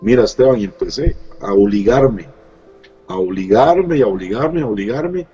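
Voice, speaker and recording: A man's voice: fairly low pitch, lively intonation, moderate pace, mellow, muffled recording, soft background music. A middle-aged man, a pastor giving his personal testimony in an interview, speaking earnestly and reflectively with many hesitant fillers. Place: Costa Rica.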